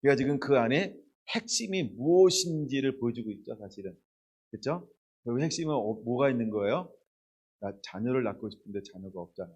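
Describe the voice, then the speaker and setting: A man's voice: medium pitch, fairly quick, husky. A male pastor preaching a midweek sermon in a church, asking the congregation questions and joking as he goes. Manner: animated, asks the congregation questions and answers them, jokes and laughs often.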